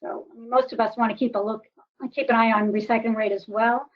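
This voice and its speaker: A woman's voice: fairly high pitch, steady tone, fairly quick. A woman giving a webinar presentation with data slides, often hesitating with ums and restarts, her voice warbly over a computer connection. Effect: warbly voice through a computer connection. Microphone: computer microphone. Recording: dull, lo-fi computer audio.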